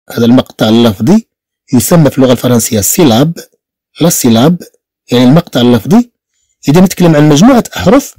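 A man with a Moroccan Arabic accent gives a beginner French lesson. He spells out letters and repeats each sound slowly and patiently. His voice sits a bit high with a lively, swinging pitch, and it is mellow and dry. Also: no echo. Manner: slow, repetitive spelling-out of sounds. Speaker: teacher.

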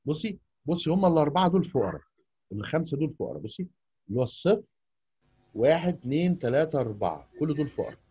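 Fast-talking husky Egyptian math teacher. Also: male voice, on the high side, very animated, mellow. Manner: patient, coaxing questions to a young pupil. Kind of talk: online tutoring lesson. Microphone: video call.

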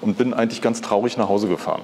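This man in his fifties, from East Germany, is an art patron appearing as an interview guest and sharing reflective personal stories in a conversational way during a live talk. His voice is low and darkish with fairly even intonation, and he speaks very fast. The setting is a large glass-fronted indoor hall, so the sound is reverberant, with a little hiss or hum.

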